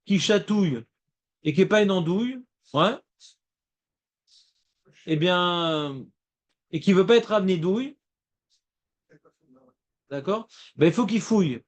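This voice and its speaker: Guy with a pretty high voice teaching talmud, lively, keeps asking the class if they follow. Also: slow pace, long pauses. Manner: lively, asks students questions, playful rhymes.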